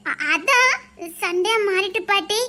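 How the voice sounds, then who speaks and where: A woman's voice: extremely high pitch, a little slow, sharp tone, full character voice. A woman playing a young wife protesting and pleading with her grandmother, in a Tirunelveli Tamil accent.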